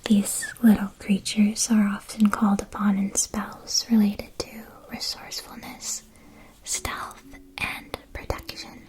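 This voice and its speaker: A woman voices a gentle witch shopkeeper in a fantasy ASMR roleplay, speaking in a soft, breathy whisper at medium pitch. She goes slowly and carefully through each phrase, politely attentive, with a completely flat, natural delivery. The mood is gentle and informative.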